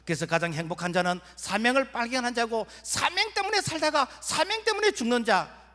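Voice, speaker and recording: Male pastor, middle-aged, high voice, dramatic sermon delivery, hall echo. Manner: animated preaching with dramatized quotes and tearful peaks. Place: church sanctuary. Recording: long reverb of a church hall.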